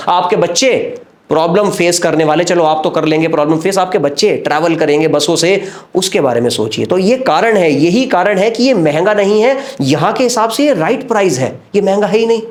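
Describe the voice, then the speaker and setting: A man's voice: a little high, darkish tone, reverberant. A man with an Indian accent teaching a sales lesson, stressing points by repeating them and acting out what clients say. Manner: emphatic, repeats key phrases, acts out clients' lines. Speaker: sales coach.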